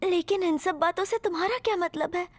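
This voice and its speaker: A woman's voice: extremely high pitch, fairly quick. Woman voicing a timid bullied teen girl. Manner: hesitant, pleading. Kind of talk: anime dub acting.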